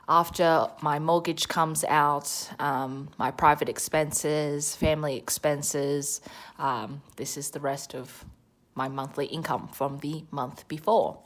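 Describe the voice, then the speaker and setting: An Australian woman in her thirties chatting casually in a budgeting vlog, counting cash aloud with self-deprecating humour. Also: low voice. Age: 30s. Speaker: budgeting vlogger.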